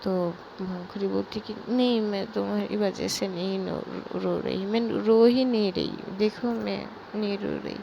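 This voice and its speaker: Woman voicing protective young woman, soft and reassuring, slow delivery. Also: medium pitch, steady tone, vocal fry, lo-fi sound, noisy background. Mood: denying.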